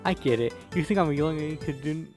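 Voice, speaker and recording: A cheeky young lady thief from a visual novel, played by a man doing a woman's voice. She is playful and boastful, with a girlish, raised pitch and theatrical flair. Music plays faintly behind. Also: quick pace, close to an everyday voice. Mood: indignant. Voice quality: girlish put-on voice. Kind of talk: dramatic reading of visual novel dialogue.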